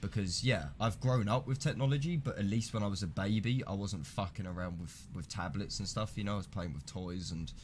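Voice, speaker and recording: A man's voice: on the low side, a little fast, hardly any pauses, soft background music. A nineteen-year-old British man live-streaming a game, chatting casually in a matey, rambling, sweary way.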